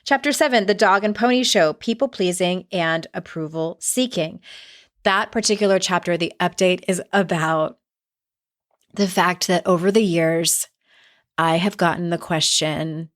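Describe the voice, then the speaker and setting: A middle-aged woman hosting a casual solo podcast, candid and conversational, with some vocal fry in her voice. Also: on the low side, a little slow, a bit bright. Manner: candid, conversational, with mild swearing. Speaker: podcast host and self-help author.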